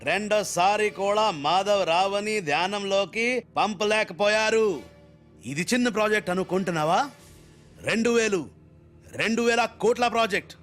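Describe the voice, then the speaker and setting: Film villain: gangster boss, theatrical threats, high voice. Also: male voice, moderate pace, a bit bright, faint music behind. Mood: menacing. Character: ruthless grand older gangster boss, menacing.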